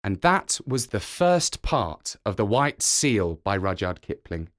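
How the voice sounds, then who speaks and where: Male storybook narrator: gentle, expressive, unhurried. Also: on the low side.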